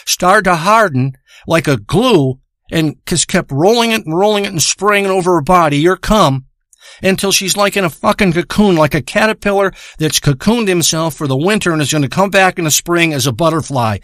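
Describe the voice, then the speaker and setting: A man telling a crude, rambling comic story with deadpan tangents and heavy profanity. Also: high-pitched, moderate pace, no echo, studio quality. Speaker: comedic storyteller.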